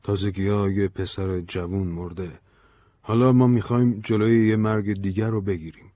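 A man voicing a weary, earnest man who explains himself calmly in an audiobook story. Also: on the low side, no echo, lightly acted. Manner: measured, tired. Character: weary, earnest man, Ben, calm and burdened.

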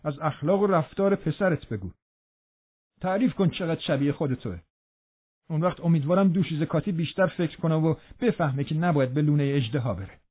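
A man's voice: a little high, expressive, husky, voice pushed up. A man reading aloud, voicing a loyal, outspoken woman servant who speaks sharply. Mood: reproachful. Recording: narrow phone-like band.

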